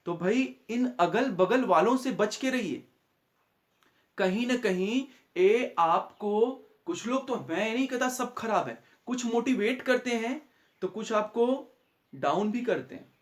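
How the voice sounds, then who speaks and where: A man's voice: sits high, lively intonation, takes it slowly. A young man, a maths teacher, giving a motivational talk to students, earnestly acting out what neighbours say. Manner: earnest, acts out neighbours' taunts and warnings.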